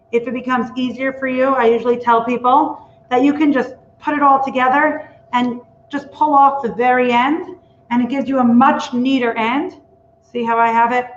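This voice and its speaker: Woman, higher voice, patient step-by-step instructor; roomy, muffled recording with faint background hiss. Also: fairly bright tone. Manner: patient, explaining each step. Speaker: baking instructor. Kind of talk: step-by-step demonstration. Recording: echoey room with dull lo-fi sound.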